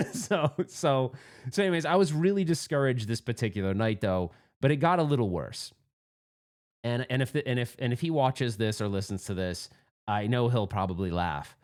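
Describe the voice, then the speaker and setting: Animated man telling a rambling story. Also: fairly low pitch. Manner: rambling, self-mocking, candid. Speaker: pinball channel host. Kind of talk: casual storytelling monologue.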